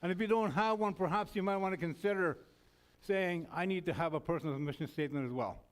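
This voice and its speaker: A man's voice: sits high, fast talker. A man co-hosting a forum, giving closing remarks with a rambling, storytelling manner full of restarts. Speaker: forum co-host.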